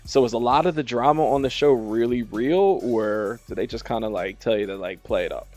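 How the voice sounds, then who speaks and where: A man's voice: mid-range voice, lively intonation, fairly quick, a little mellow, no room sound, soft background music. A man hosting a radio show, interviewing a guest in a casual, laid-back way with loose, rambling questions. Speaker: radio host.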